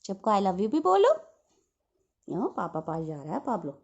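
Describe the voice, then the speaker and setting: Doting woman in lively baby talk. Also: medium pitch, a little slow, creaky, dull audio. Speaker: pet owner. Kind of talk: talking to a pet parrot.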